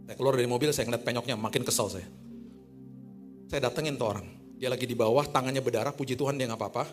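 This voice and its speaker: Animated storytelling preacher, slang. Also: male voice, medium pitch, fast talker, soft background music. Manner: storytelling preacher, swings from hushed to loud excited peaks; casual Jakarta slang mixed into preaching. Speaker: pastor. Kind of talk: sermon.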